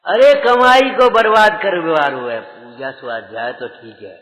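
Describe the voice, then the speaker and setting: A man's voice: fairly high pitch, very animated, moderate pace, fairly bright tone. Fervent male preacher in a reverberant hall. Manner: exhorting, rhetorical questions to the audience. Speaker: Jain preacher. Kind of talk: sermon. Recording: dull sound with long hall reverb.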